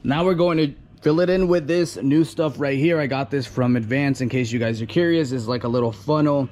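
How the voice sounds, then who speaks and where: A hoarse young man losing his voice, chatting excitedly as he works on his car and takes it for a drive. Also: mid-range voice, fairly quick. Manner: excited, chatty, shouting over engine noise. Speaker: car vlogger. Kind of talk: casual garage vlog.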